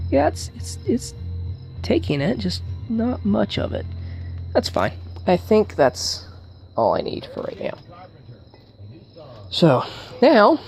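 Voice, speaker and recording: A man giving a casual hands-on tutorial, thinking aloud in a halting way as he works, with wry humour. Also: on the high side, gravelly, a little mellow. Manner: thinks aloud while working, halting, wryly joking. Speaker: hobbyist demonstrating an electronics hack.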